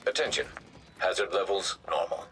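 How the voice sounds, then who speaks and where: An actor voicing a calm synthetic male AI system in a video game, giving flat, clipped status announcements through a robotic processed filter. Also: deep voice, moderate pace, a little hiss or hum. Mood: clipped, alerting.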